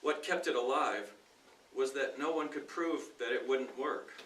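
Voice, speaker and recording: Bright, forceful man reading aloud, roomy sound. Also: medium pitch, unhurried. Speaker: speaker in a dramatic reading contest. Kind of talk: expressive reading aloud of nonfiction to a live audience. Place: indoor room at a speaking club meeting. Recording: roomy, distant mic with faint noise.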